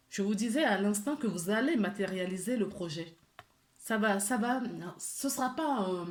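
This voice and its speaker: A woman doing a weekly spiritual card reading, gently encouraging her viewers and repeating key words for emphasis. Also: medium pitch, echoey room. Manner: gentle and encouraging, often asks for agreement. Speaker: tarot and oracle card reader.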